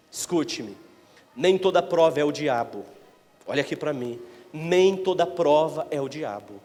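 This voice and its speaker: A man preaching a Pentecostal sermon as pastor, emphatic, swinging between shouted declarations and hushed asides. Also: fairly high pitch, long reverb tail. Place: church.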